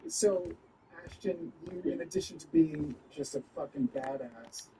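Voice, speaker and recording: A man's voice: a little high, unhurried, mellow. A man playing in a tabletop game, talking casually and hesitantly with many fillers. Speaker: player. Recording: distant mic, faint noise.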